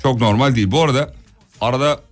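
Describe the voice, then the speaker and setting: A man's voice: mid-range voice, quick pace, soft background music. A man hosting a radio show, reading out news items in a casual chat and correcting his co-host.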